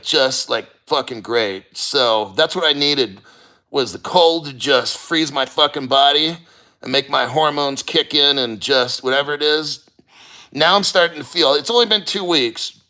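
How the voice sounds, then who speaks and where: A middle-aged man hosting a casual livestream, chatting in a rambling, halting, sweary way and reading out comments. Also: medium pitch, sharp tone. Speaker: crypto livestream host.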